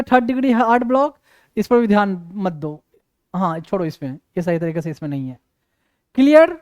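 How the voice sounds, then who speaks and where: A man's voice: extremely high pitch, a little mellow, clean tone, dry recording, studio quality. A man lecturing on medicine, repeating his points for emphasis and often checking that students follow. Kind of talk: classroom explanation.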